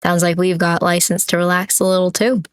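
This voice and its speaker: A serene young student, cool and composed, as a woman reads her lines. Her low voice comes through close and dry. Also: little pitch movement, fairly quick, clear, resonant tone, dry recording, lightly acted.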